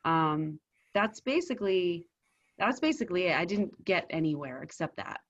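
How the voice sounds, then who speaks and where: A woman in her forties, a qigong student, telling a personal story candidly and haltingly in a group class, with soft laughs. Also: fairly low pitch, expressive, muffled recording.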